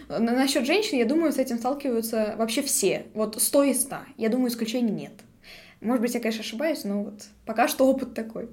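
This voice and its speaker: An eighteen-year-old woman hosts a podcast in casual chat, her voice sitting a little high. She talks in a chatty, halting way, with lots of fillers between her thoughts. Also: a little mellow. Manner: chatty, hesitant with many fillers. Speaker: podcast host.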